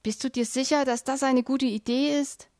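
A woman putting on a cranky little male hamster, sarcastic and whiny, in a storybook reading. The voice is pushed a bit higher than her narration and sounds dry and close. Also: normal speed, a little mellow, dry recording, lightly acted. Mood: anxious. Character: grumpy sarcastic male hamster dangling in the dark.

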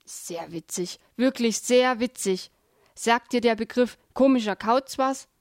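A woman putting on a cranky little male hamster, sarcastic and whiny, in a storybook reading. The voice is pushed a bit higher than her narration and sounds dry and close. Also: measured pace, no echo, close to an everyday voice. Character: grumpy sarcastic male hamster dangling in the dark.

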